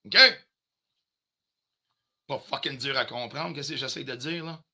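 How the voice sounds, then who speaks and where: A man's voice: mid-range voice, a little slow, creaky, pushed and bright. A man with a Quebec French accent ranting on a live stream, confrontational and heated, swearing often and dropping in English phrases. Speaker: livestreamer.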